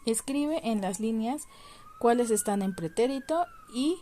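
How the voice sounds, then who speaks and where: A woman's voice: on the high side, expressive, a little slow, mellow, slight background noise. A woman teaching a primary school lesson, patiently explaining step by step and stretching out the stressed syllables. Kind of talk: recorded remote lesson.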